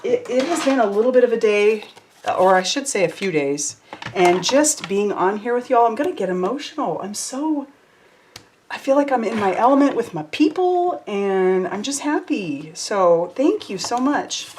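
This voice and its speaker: Chatting warmly and effusively while she crafts on a livestream, this woman reads viewer comments aloud as she goes. She sounds a little high and animated at a moderate pace, with a bit of hiss or hum in the audio.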